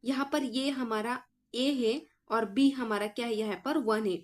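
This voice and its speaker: A woman teacher with a fairly high voice works through a math lesson one step at a time. She keeps asking her students what comes next and answers right away, in a patient, explaining tone. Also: fairly even intonation, a little slow. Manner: explains aloud, asks the class questions and answers them herself; addresses students as children.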